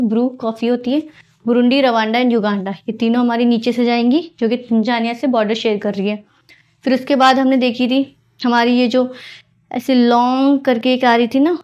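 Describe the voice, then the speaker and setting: A woman's voice: a little high, a little mellow, lo-fi sound. A woman teaching an exam-prep geography lesson, mixing Hindi and English and explaining patiently with memory tricks.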